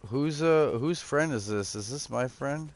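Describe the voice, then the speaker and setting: A man's voice: medium pitch, unhurried. A man chatting casually with friends while playing a game, laid-back and chuckling. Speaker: gamer streaming with friends. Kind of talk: casual chat while gaming.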